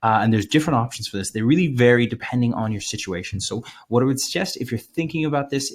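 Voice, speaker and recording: Lowish-voiced man hosting a webinar. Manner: conversational, many fillers and restarts. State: voice going a little hoarse. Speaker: webinar presenter. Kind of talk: live webinar sales pitch.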